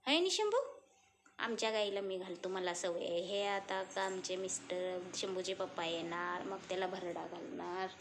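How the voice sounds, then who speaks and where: A young woman from Maharashtra, a mother filming her baby near the cows, cooing at him in high sing-song baby talk and murmuring plainer asides to her viewers. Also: flat delivery, moderate pace, hardly any pauses. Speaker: vlogger mother. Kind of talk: home vlog talking to her baby and viewers. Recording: noisy home phone recording.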